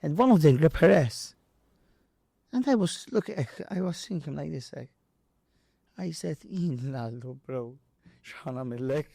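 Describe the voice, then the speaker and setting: Animated and creaky, the fairly high, mellow voice of a Maltese boxer and boxing trainer moves at a measured pace as he tells stories as an interview guest. He acts out dialogue and impacts in casual, Maltese-accented non-native English, recorded dry.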